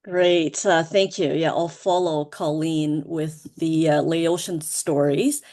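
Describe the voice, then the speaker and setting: A woman from Laos, a co-author presenting at an online book launch, speaking in a measured, earnest way over a video call. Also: low-pitched, steady tone, warm tone.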